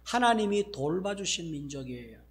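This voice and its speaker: Gyeongsang pastor guy preaching, kinda high voice, acts stuff out loud then goes quiet. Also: normal speed. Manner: animated, acts out exclamations, swings from loud to hushed. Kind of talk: sermon.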